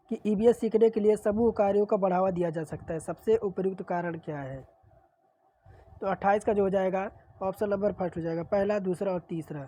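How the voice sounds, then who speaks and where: Her voice is medium-pitched and mellow as she steadily reads exam questions and solves them, explaining each answer. The teacher has a sore throat and clears it frequently.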